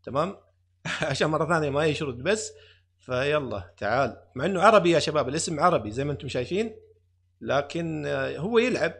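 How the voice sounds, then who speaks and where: A man giving excited live commentary on a fighting game, talking to his viewers and taunting his opponent. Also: fairly high pitch, fast, gravelly, breathy edge. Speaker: gaming YouTuber.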